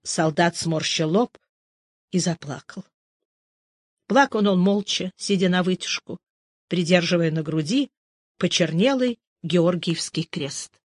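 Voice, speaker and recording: A storybook narrator reads literary prose at an even, measured pace. The recording is dry and close, with no room sound, and the voice sits at a middle pitch. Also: dry recording. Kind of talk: audiobook reading of literary prose.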